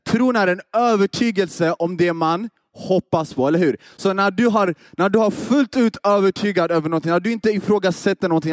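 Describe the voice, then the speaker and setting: A young man preaching a sermon, telling a personal story with lively energy and often asking the congregation to agree. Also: high voice, no room sound, clean studio sound. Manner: lively storytelling, asks the audience "eller hur?".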